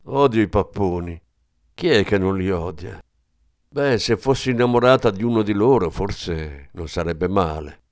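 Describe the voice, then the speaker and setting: A man reading an audiobook, voicing a brash young woman who is foul-mouthed and fierce in a raised, sharp voice. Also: sits low, animated, normal speed, dry recording, clean studio sound. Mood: bitter.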